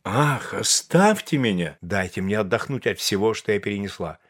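A man doing a capricious, theatrical young lady from an audiobook, who is full of reproach and self-pity. Her lines are read in the reader's own register, with a lively melody. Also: fairly low pitch, moderate pace. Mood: reproachful. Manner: reproachful, self-pitying declarations. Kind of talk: audiobook character reading.

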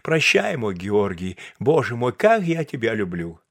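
A man doing a capricious, theatrical young lady from an audiobook, who is full of reproach and self-pity. Her lines are read in the reader's own register, with a lively melody. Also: fairly low pitch, a little slow, heavily acted. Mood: affectionate. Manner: reproachful, self-pitying declarations. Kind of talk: audiobook character reading.

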